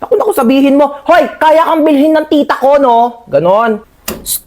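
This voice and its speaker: A woman's voice: high-pitched, moderate pace, a little mellow, voice pushed up, close to an everyday voice. A woman playing a rich, doting middle-aged aunt, talking breezily and showering her niece with endearments in a comedy skit. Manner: breezy, lavish, dotes with endearments. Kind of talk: comedy skit role-play.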